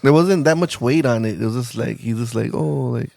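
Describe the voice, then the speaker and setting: Gravelly man rambling with lots of "like". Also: mid-range voice, fairly quick, a little mellow, no echo, clean studio sound. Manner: rambling, full of "like" and restarts. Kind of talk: casual chat.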